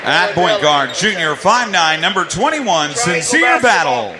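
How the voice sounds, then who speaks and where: Male arena PA announcer for lineup calls, booming and drawn-out, high-pitched and slow, over loud music and crowd. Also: sing-song, very noisy. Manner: booming stadium announcer delivery, drawn-out names. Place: high school gymnasium. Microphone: PA system.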